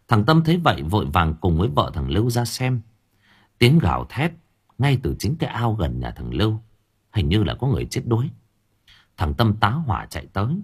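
A man narrating a horror story dramatically. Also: husky. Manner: storytelling, dramatic, with lively pitch. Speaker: audiobook narrator.

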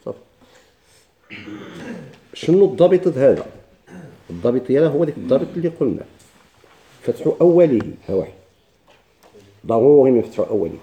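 A man's voice: mid-range voice, very animated, brisk, pauses often, muffled recording. A man with a Moroccan Arabic accent teaching a classroom grammar lesson, explaining step by step and asking his own questions.

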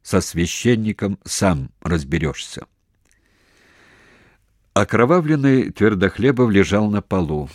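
Male audiobook narrator, deep, dry close recording. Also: darkish tone, no echo. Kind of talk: scripted narration.

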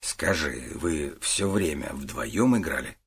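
Calm middle-aged detective read by a man, probing, patient, very low voice, rough texture. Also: slow pace, full character voice. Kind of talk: audiobook character voice.

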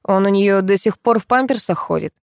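A woman reading the lines of a calm, wry adult man in an audiobook. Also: mid-range voice, fairly quick, creaky, dry recording, studio quality, lightly acted.

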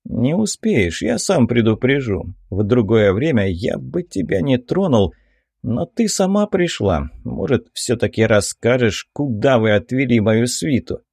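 A man's voice: medium pitch, very animated, measured pace, gravelly, a little mellow, breathy edge, dry recording, studio quality, full character voice. A man voicing a commanding, menacing supreme mage in an audiobook, cold and threatening. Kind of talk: audiobook character voice.

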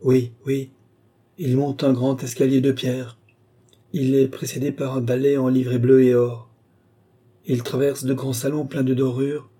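A man voicing an entranced woman seer who answers obediently and haltingly. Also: mid-range voice, flat delivery, dark tone, natural voice. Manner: halting, submissive replies.

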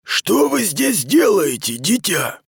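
A man's voice: high voice, huge pitch swings, slow, creaky, husky, no room sound, pitched above the performer's own voice, full character voice. A man reading the part of a stern, dry middle-aged commander who talks down to a young woman in a storybook reading. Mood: cold. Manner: cold, clipped, patronizing.

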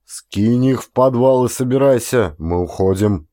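A man reading an audiobook, voicing a calm, firm army corporal who gives orders. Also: medium pitch, measured pace, dry recording, studio quality, close to an everyday voice. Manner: firm and commanding. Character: steady, stern army corporal. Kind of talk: audiobook character voice.

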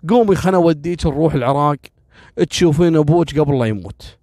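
Man doing a resigned husband, fairly high voice, dry sound. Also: expressive, fast, mellow, no room sound. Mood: earnest. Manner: pleading, then frank and resigned. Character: cornered husband, weary and reluctant.

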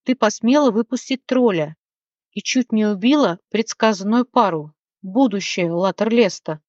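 A grave and stern high fairy speaks in measured tones, voiced by a woman reading a storybook. The sound is dry and a touch muffled. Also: a little mellow, dry recording, close to an everyday voice. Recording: dry, slightly muffled recording.

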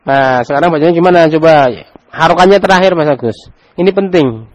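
A man's voice: on the high side, a little fast. A man with an Indonesian Javanese accent teaching an Arabic grammar class, quizzing his students and prompting them to read aloud. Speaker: Islamic teacher.

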